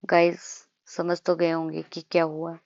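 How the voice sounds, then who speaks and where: A woman's voice: fairly low pitch, completely flat delivery, a little slow, darkish tone, no echo. Young female vlogger from India, chatty and self-mocking; dry, dull lo-fi voice-over. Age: young adult. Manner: chatty, self-mocking, addresses viewers as guys. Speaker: travel vlogger. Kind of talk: casual vlog narration.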